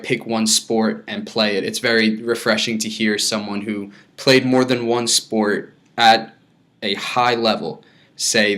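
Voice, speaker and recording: A man hosting a podcast, asking interview questions in a friendly, slightly halting way. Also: fairly low pitch, a bit bright. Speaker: podcast host. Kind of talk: interview questions and casual chat.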